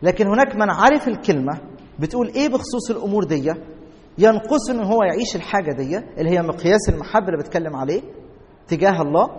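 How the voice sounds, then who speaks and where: A man with an Egyptian Arabic accent preaching a sermon as a pastor, emphatic and slowing down to stress key words. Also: high voice. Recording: long reverb of a large hall.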